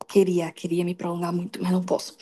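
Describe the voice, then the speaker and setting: A Brazilian woman preaching an emotional, testimonial sermon in a live stream, swinging between loud cries and hushed lines. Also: lowish voice, completely flat delivery, quick pace, husky. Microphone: livestream.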